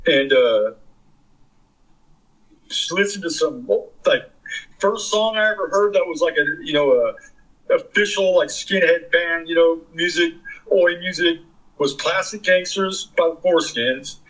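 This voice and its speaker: A man's voice: a little high, a little slow, long pauses, fairly bright tone, poor audio. A man in his fifties from the California Bay Area, a guest in an interview, telling long stories in a rambling, profane, casual way. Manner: rambling, profane, filler-heavy. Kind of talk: casual storytelling.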